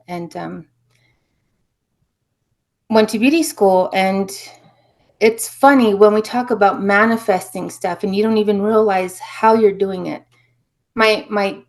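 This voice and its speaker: A woman from New Mexico, a spiritual healer guest, telling her story in an earnest, reflective way that often trails off softly. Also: mid-range voice. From New Mexico, USA. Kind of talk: casual interview storytelling.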